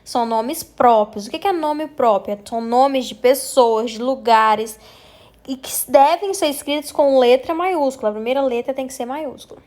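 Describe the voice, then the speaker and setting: A Brazilian woman teaching a primary school lesson, explaining step by step and stretching out example words slowly syllable by syllable. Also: high voice, darkish tone. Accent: Brazilian Portuguese. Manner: patient, slow syllable-by-syllable pronunciation of example words.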